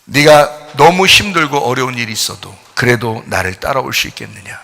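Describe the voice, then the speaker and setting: Animated and speaking at normal speed, a pastor with a mid-range voice and vocal fry preaches directly to his audience. His blunt, informal delivery swings from sudden loud rises to quiet, questioning drops.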